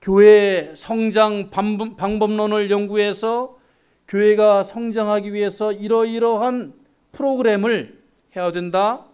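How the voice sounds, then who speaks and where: Male pastor preaching; slow, clear delivery, high voice, rhetorical questions to the congregation. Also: fairly even intonation, a little mellow. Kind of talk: sermon. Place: church sanctuary.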